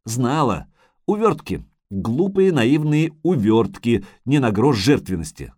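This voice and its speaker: A man voicing a vain, capricious female sea siren who talks in a singsong, shrill and indignant way. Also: sing-song, slow pace, a little mellow, dry recording, clean studio sound.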